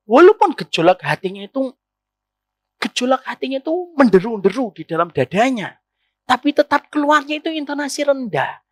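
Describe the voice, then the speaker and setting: A male Islamic preacher giving a sermon to women, animated and teasing, asking rhetorical questions. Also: extremely high pitch, brisk, no echo.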